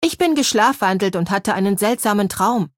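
A woman's voice: medium pitch, animated, normal speed, no echo, clean studio sound, natural voice. A woman voicing a curious, eager young girl in a storybook.

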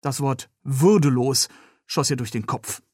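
A man, the author, calmly reading narration from his own novel. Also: medium pitch, a little slow, husky, no echo, clean studio sound.

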